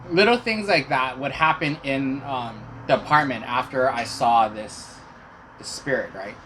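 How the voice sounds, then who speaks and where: A man's voice: mid-range voice, a little slow, sharp tone, rough recording. A middle-aged man telling personal stories casually to viewers, chewing while he talks. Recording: clear background noise.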